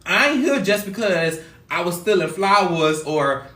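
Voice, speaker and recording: Lively, animated woman host. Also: lowish voice, unhurried, roomy sound. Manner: animated, expressive storyteller. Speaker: livestream host. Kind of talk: casual livestream chat.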